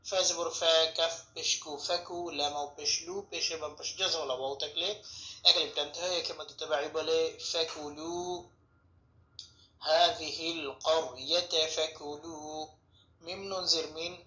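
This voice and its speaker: A man teaching a tajweed lesson, spelling out letters and vowels slowly and carefully. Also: fairly high pitch, steady tone, sharp tone. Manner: slow, methodical spelling of syllables, drawn-out chanted recitation. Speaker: Quran recitation teacher. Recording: echoey room, dull lo-fi sound.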